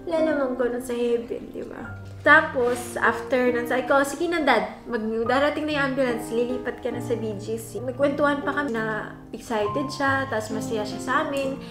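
Young woman telling a personal story on her vlog, a bit high voice, soft and reflective, english bits mixed into her tagalog, roomy kitchen sound with music behind. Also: normal speed. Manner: mixes English phrases into Tagalog, soft and reflective when recounting memories. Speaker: vlog host. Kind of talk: casual chat and personal storytelling.

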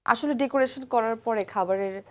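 A woman's voice: fairly high pitch, moderate pace, a little mellow. A young woman hosting a televised cooking segment, chatty and upbeat, often dropping in English phrases. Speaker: TV cooking show host.

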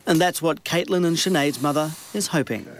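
A man with a New Zealand accent narrating a television news report in a measured, scripted way. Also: a little high, slight background noise.

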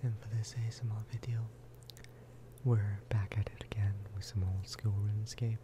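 Whispering softly and breathily right up against the microphone, this streamer and host gives laid-back ASMR commentary as he plays. His voice is fairly low, his pace normal, and there's background noise.

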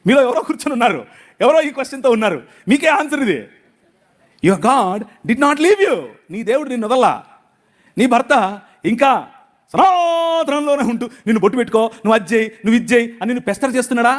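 A man's voice: very high voice, expressive, fairly quick. A middle-aged male pastor with a Telugu accent preaching a passionate sermon. He acts out prayers and God's replies.

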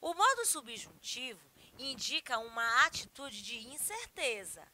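A Brazilian woman leads a grammar lesson with a somewhat high, bright and forceful voice. She talks expressively and leans on her emphasis, stopping often to make sure her students are following. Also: measured pace. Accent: Brazilian Portuguese. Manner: expressive, emphatic, checks in with "tá certo?". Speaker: Portuguese language teacher. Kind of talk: recorded classroom lesson.

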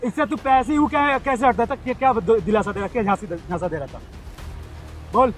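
A man's voice: very high voice, a little fast, soft background music. A man playing a stern, commanding bystander. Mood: interrogating. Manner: commanding, repeats curt orders. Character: young man, stern bystander who confronts a bully. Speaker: actor in a staged vlog skit. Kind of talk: staged street drama.

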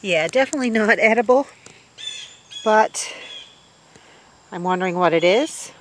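A woman's voice: medium pitch, lively intonation, a little slow, slight background noise. A woman in her fifties vlogging casually on a walk through the woods, chatty and wondering aloud as she goes, recorded on a handheld phone outdoors. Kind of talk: casual walk-and-talk vlog. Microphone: handheld phone camera.

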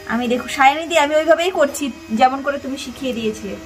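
A woman vlogger chatting casually to her viewers from her family home, lively and direct. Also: high voice, fast talker, faint music behind. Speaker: vlogger and mother.

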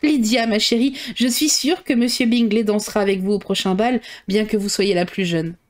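A woman reading a novel aloud, voicing a fretful, excitable middle-aged mother with a shrill, fussy, complaining manner. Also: normal speed, close to an everyday voice. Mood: delighted.

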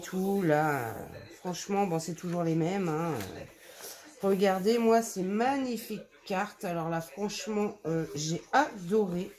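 A woman vlogger walks through her scrapbooking purchases in an easy, chatty way. She gushes over every design, trailing off into fillers. She speaks warmly to her viewers as if they were friends. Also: fairly low pitch. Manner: enthusiastic, gushing over papers with many fillers; addresses viewers affectionately. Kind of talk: casual product haul show-and-tell.

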